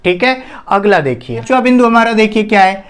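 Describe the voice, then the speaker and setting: A male teacher giving a lecture, asking the class questions, answering them himself, and saying each sound slowly and repeatedly. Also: sits high, very animated, a bit bright, clean tone. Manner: drills sounds slowly with repetition. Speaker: Hindi teacher.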